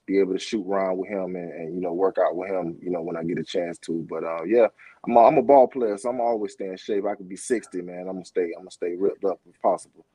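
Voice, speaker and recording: Deep, mellow man from Florida. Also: fairly even intonation, fast talker, slightly rough, no echo. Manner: rambling, many fillers and restarts. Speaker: podcast guest. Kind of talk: casual interview talk.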